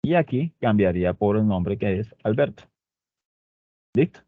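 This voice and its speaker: A man teaches a spreadsheet lesson, explaining each step and stopping often to check that his students are following. His voice sits on the low side. The sound is tinny and dry, like a phone line with no room around it. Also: expressive, measured pace, no echo. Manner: explains step by step, with frequent "¿ok?" and "muchachos" check-ins. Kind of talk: spreadsheet tutorial.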